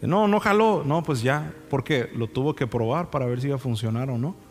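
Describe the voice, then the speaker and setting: Male pastor preaching in an echoey hall over soft music, earnest and folksy. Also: medium pitch, fairly quick. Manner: earnest preaching, acting out prayers and dialogues; frank, folksy asides to the congregation. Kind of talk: sermon.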